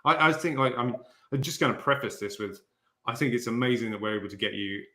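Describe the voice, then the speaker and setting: A man's voice: mid-range voice, fast, pushed and bright, roomy sound. A man hosting an interview, enthusiastic and stumbling a little. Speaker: interview host, conference chair.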